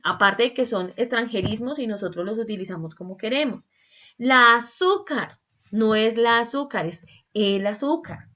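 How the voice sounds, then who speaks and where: A woman's voice: medium pitch, normal speed. A woman, teaching a class and acting out spoken examples while checking in with the students. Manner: lively, acts out examples, asks "¿sí?" and "¿cierto?" often. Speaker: Spanish teacher. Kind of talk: online class lecture. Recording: dull lo-fi recording.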